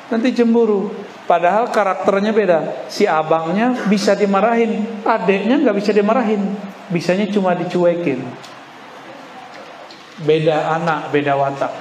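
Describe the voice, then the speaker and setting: A male preacher giving a sermon to an audience in a lively, joking way, and he acts out the voices he quotes. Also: high voice. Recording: echoey room with faint noise.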